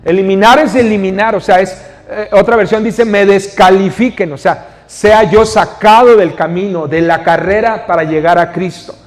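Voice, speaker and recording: In a church hall, a pastor with a Mexican Spanish accent preaches in a high, steady voice at normal speed, and a long reverb trails his words. He reads scripture, then explains it in a teaching manner, putting questions to the congregation.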